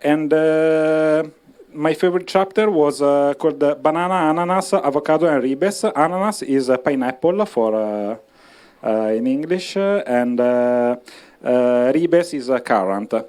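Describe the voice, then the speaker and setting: A man with an Italian accent giving an informal short talk in halting, broken phrases with frequent pauses. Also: fairly high pitch, a little mellow, clear, resonant tone. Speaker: speaker presenting his project. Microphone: stage microphone.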